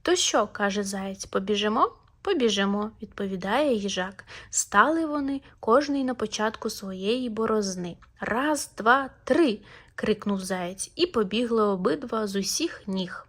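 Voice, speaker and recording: A woman narrating a children's fairy tale audiobook in a lively, expressive storytelling manner. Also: a little high.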